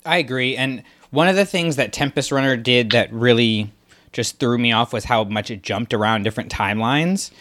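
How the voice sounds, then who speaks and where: A man with a medium-pitched, fairly bright voice co-hosts a podcast, speaking at a moderate pace. He chats casually about a book's story, full of fillers and restarts.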